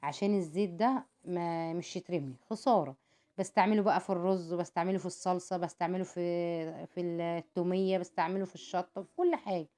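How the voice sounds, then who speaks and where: A woman with an Egyptian Arabic accent talks through her home cooking in a fast, chatty voice-over. Her voice sits a little low and sounds mellow rather than bright. She walks through every step, calls her viewers "my dears" and blesses them along the way. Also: fairly even intonation. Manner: warm and devout, calls viewers "my dears", prays for them often; explains each cooking step with asides and restarts.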